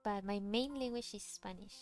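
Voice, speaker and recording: Drawing a webcomic live, a streamer rambles along and fields chat's questions in a relaxed way. She's a native Cantonese speaker with a medium-pitched voice and a moderate pace, and there's faint music behind her.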